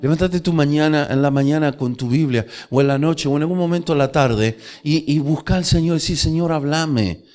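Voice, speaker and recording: A high-pitched male pastor with a Rioplatense Spanish accent delivers an emphatic sermon, pausing for effect and voicing heartfelt prayers aloud. Soft music plays faintly behind his voice. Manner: emphatic preaching with dramatic pauses and quoted prayers.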